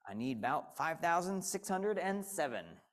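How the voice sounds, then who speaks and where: A man's voice: a little high, sing-song, moderate pace, fairly bright tone, voice pushed up. A man voicing a pompous, boastful turtle king who bellows his proud declarations in a storybook reading. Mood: blustering.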